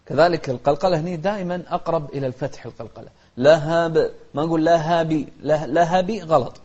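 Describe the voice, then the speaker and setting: A man teaching Quranic recitation to children, modeling each verse slowly, correcting mistakes and repeating. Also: fairly high pitch, darkish tone. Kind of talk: tajweed lesson with modeled recitation. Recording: dull lo-fi recording.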